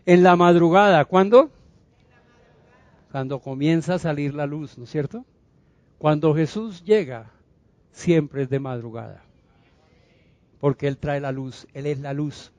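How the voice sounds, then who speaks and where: A man's voice: a little high, a little slow, pauses often, a little mellow, no room sound. A man preaching a sermon as a pastor, calling for responses from his congregation and acting out the figures in the story. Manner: acts out Bible figures' voices.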